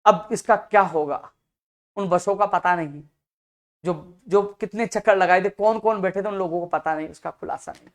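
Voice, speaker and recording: A man speaking as a youth activist to job seekers, fervent and full of rhetorical questions, swinging from soft lines to loud outbursts. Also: high voice, normal speed. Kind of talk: impassioned advocacy video.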